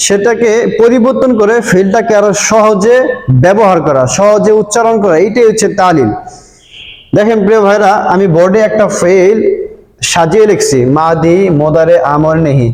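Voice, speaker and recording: A man's voice: high-pitched, a little mellow. A man teaching an Arabic grammar lesson at a board, patiently repeating points and often checking that his listeners understand. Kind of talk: board lesson explaining Arabic verb forms. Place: room with a board. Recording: echoey room with long reverb.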